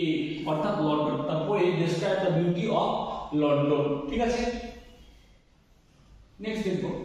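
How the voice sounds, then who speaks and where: A man teaching an exam-prep English lesson, reading each question slowly and often checking that his students follow. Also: sits high. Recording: echoey room, distant mic.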